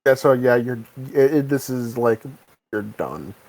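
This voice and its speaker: A man's voice: mid-range voice, animated, unhurried, darkish tone, rough recording. A man hosting a casual podcast over voice chat, often hesitating and restarting his sentences. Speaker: podcast host. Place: home, on voice chat. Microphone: desk mic over voice chat.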